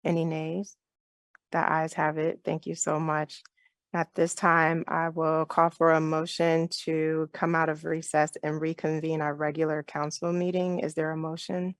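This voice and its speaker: Low, flat-voiced woman chairing a meeting. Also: dry recording. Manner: measured, procedural, polite. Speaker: mayor presiding over council meeting.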